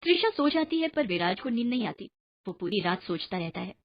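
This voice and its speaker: Expressive woman narrating a horror tale. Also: mid-range voice, a little fast. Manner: dramatic, expressive. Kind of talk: storytelling narration. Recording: muffled, with a clear hiss.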